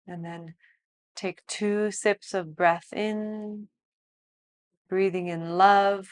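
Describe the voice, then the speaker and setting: A woman yoga teacher leading a guided yoga nidra relaxation like a sleep story narrator, soothing and hushed, with long pauses. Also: medium pitch, fairly even intonation.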